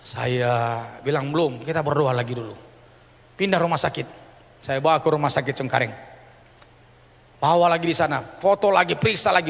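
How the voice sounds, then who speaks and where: A middle-aged pastor tells his story from the pulpit in a voice that sits a little high for a man and has a gravelly fry. He swings between raised, excited bursts and quiet, low passages as he acts out the people in the story. His words ring out with a long church reverb. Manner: animated storytelling, acting out dialogue. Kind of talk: sermon testimony. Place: church sanctuary.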